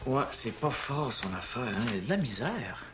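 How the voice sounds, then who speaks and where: Man acting animated Québécois dad, swooping pitch. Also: moderate pace, over music, lightly acted. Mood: earnest. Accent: Québécois French. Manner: animated, colloquial, insistent. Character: eager, persuasive father of a schoolboy, middle-aged. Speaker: actor in a family sitcom. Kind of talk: naturalistic sitcom dialogue.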